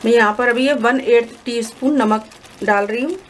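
A woman explaining a recipe step by step in a calm, instructive voice-over as cooking show host. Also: a little high, normal speed, a little hiss or hum. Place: home kitchen.

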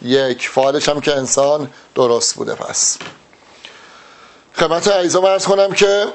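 With a fairly high voice and an emphatic, lively delivery, a male Arabic exam-prep teacher leads a lesson on solving test items. He works through the answer choices and talks straight to his learners.

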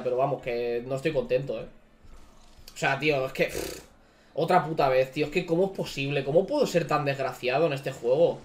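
A man's voice: medium pitch, a little mellow. A man with a Spain Spanish accent, ranting and swearing repetitively as he reacts to game summons. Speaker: gaming streamer. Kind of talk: gacha summon reaction commentary.

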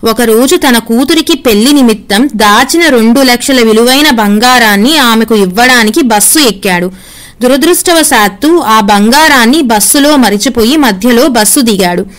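Brief: female storyteller, scripted devotional narration, steady reading, slightly high voice. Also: normal speed.

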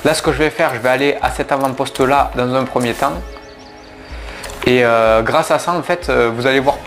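A man's voice: mid-range voice, steady tone, normal speed, a bit bright, soft background music. A man casually commenting on his gameplay for viewers, talking to them directly, with frequent fillers and restarts. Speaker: gaming YouTuber. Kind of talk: casual let's-play commentary.

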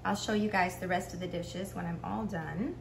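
This cooking channel host, a middle-aged woman, has a fairly low, creaky voice with a steady tone and moderate pace. She chats and explains while cooking in her kitchen, captured by a camera mic a few feet off, with echo and a faint room hum.

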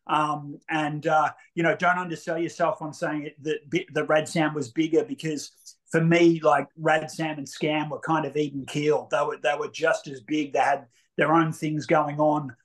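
A man's voice: fairly high pitch, level tone, normal speed. A man, a co-producer chatting enthusiastically over a webcam. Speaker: co-producer and actor. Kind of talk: casual interview on a video call. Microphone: video call webcam.

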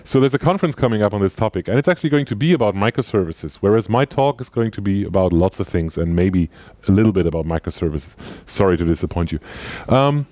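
A man in his forties gives a conversational conference talk through a headset mic in a lecture room with a projector, gesturing as he walks the stage. His voice is on the low side, animated, quick, and a little mellow, with no echo. He keeps tagging sentences with "right?"

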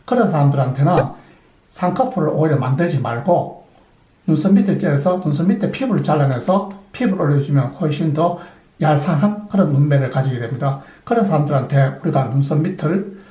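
A man's voice: fairly high pitch, lively intonation, a little fast, dark tone, reverberant, poor audio. Methodical middle-aged male surgeon explaining. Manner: methodical, poses and answers his own questions. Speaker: plastic surgeon. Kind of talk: explanatory clinic talk.

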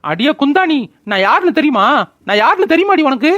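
A woman's voice: high voice, sing-song, fast, fairly bright tone, lo-fi sound, faint music behind, voice pushed down. A woman voicing a drunken grown son in a cartoon, bellowing and taunting his family. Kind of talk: cartoon voice acting.

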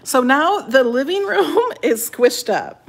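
Here a woman with a high-pitched, creaky voice leads a relaxed walkthrough of a small house, speaking slowly but with great animation. She chats her way from room to room before heading onto the porch and driveway. The person filming holds the phone from behind the camera, and the moving recording picks up a lot of noise.

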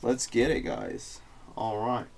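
A young man hosting a pack-opening video, chatting casually with slangy, excitable frat bro hype. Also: mid-range voice, takes it slowly, creaky, a little hiss or hum. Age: young adult. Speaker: YouTube host opening trading card packs. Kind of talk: casual excited chat to camera. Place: small indoor room at home.

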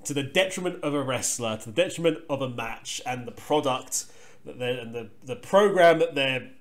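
A man's voice: mid-range voice, animated, normal speed. A man co-hosting a wrestling podcast, chatting casually with swearing and mocking asides. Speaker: podcast co-host. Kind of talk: casual chat.

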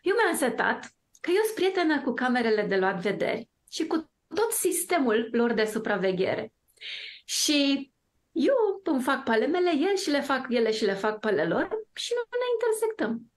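Self-assured woman, slightly high voice. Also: very animated. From Romania. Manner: emphatic, self-assured storytelling. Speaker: guest on a TV talk show. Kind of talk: casual talk-show discussion.

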